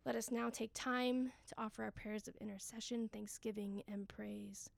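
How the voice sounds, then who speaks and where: A woman leading worship, reading scripture and reciting prayers in a measured way, phrase by phrase. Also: fairly high pitch, fairly even intonation, creaky. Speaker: worship leader.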